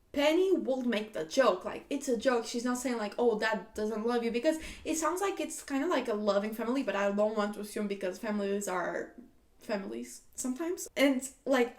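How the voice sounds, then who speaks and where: A woman hosting a casual reaction video, reading posts aloud and chatting with lots of "like" and frequent laughs. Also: a little high. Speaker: YouTube host reacting to posts.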